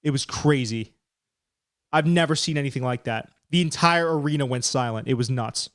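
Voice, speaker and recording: A man's voice: mid-range voice, moderate pace, a bit bright. A man hosting a live stream, chatting casually and rambling as he breaks down fights. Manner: chatty, rambling, self-deprecating.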